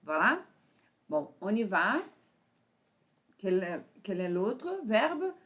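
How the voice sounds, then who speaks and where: A woman with a Brazilian Portuguese accent teaching an online French lesson, patient, with pauses and fillers. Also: mid-range voice, very animated, a bit bright. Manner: switches to Portuguese to explain. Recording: dull lo-fi sound.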